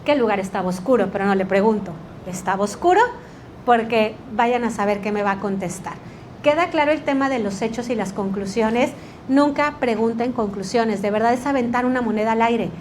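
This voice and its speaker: A woman teaching a litigation workshop, energetic and quizzing the class with rhetorical questions. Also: on the high side, a little fast, slight background noise. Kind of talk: workshop lecture.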